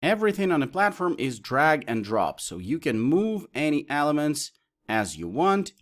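A man presenting a software tutorial, explaining each option step by step as he clicks through it. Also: fairly high pitch, very animated, moderate pace. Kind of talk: screen-recorded tutorial walkthrough.

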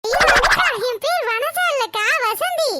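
Woman doing a squeaky scheming gossip. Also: animated, moderate pace, heavy background noise. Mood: dramatic. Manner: sly, wheedling, dramatic. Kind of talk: cartoon voice acting.

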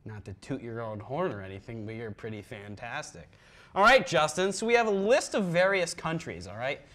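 A man's voice: medium pitch, expressive, moderate pace, fairly bright tone. A young man hosting a student comedy how-to video, joking and playful. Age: young adult. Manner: jokey, playful, puts on silly accents.

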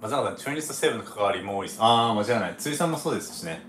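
Fast-talking man hosting a casual livestream. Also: on the low side, roomy sound, slight background noise. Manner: relaxed, chatty, laughs often, frequent ね fillers. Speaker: livestream host, former baseball pitcher. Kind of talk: casual live chat reading viewer comments.

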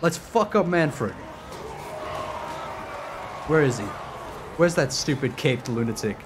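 A man in his twenties live-streaming a strategy game, rambling and swearing with excitable casual commentary. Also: fairly high pitch, slow pace, background noise. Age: 20s.

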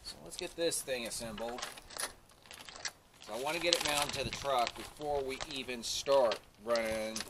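A man with a medium-pitched voice, speaking at normal speed, casually shows how to do an install on camera as a DIY vlogger. He's outdoors next to a pickup truck, recorded from a short distance, with noisy, clicky outdoor audio.

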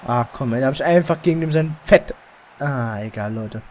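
A man casually commentating his own football video game as he plays, excitable and quick to swear and groan at mistakes, through a slightly overdriven mic. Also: medium pitch, muffled recording, slight background noise. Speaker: let's play gamer. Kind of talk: casual live gameplay commentary. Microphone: headset or desk mic, slightly overdriven.

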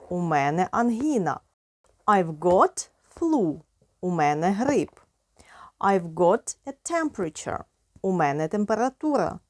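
A woman with a Ukrainian accent teaching a beginner English lesson, explaining slowly and clearly. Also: medium pitch, no echo, clean studio sound.

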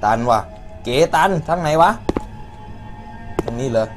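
A man with a medium-pitched, expressive voice comments at a measured pace while playing a horror game. He's a gaming YouTuber who gets jumpy, yelping, swearing and talking back to the game. Loud music plays in the background.

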